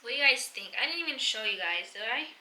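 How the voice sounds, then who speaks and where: Chatty young woman, bright roomy voice. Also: on the high side, lively intonation, fast talker. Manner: chatty, lots of "like" fillers, thinking aloud, drifting into soft whispers. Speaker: vlogger. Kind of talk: casual storytime chat while doing her nails. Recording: roomy echo, faint background noise.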